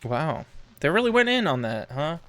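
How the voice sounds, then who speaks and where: A man streaming a video game, chatting in a rambling way full of "like" and restarts, getting loud and excited in bursts. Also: on the high side, moderate pace. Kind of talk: casual live-stream chatter while gaming. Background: game music.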